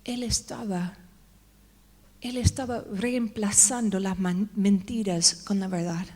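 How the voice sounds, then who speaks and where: Woman conference speaker, personal testimony sermon, unhurried reflective storytelling, mid-range voice. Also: mid-range voice, steady tone, warm tone. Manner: slow, reflective storytelling with tag questions. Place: church conference stage.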